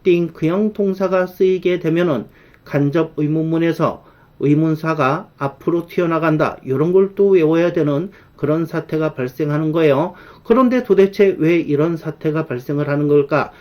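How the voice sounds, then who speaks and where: A man teaching an online English grammar lesson. He explains lively and slows right down to spell out the English example sentences. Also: fairly high pitch, lo-fi sound.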